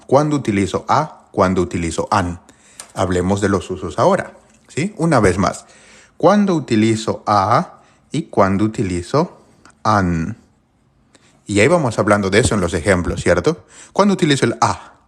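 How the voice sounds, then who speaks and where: Guy teaching english grammar, low voice but really bouncy, keeps asking questions then answering. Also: moderate pace, slightly rough. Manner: lively, rhetorical questions to viewers. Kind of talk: online grammar lesson.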